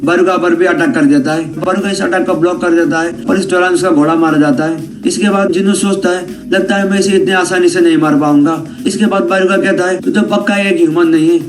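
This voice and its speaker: A man's voice: sits high, steady tone, brisk, few pauses. A man narrating a scripted anime story recap as the presenter of an explainer video. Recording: music bed under the voice. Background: background music.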